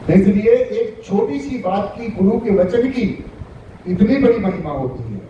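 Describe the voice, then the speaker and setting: A man's voice: high voice, warm tone, a little hiss or hum. A man who is a spiritual teacher, giving a devotional sermon with emphatic repetition of key phrases and rhetorical questions. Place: ashram hall. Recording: echoey hall, distant mic, dull lo-fi sound.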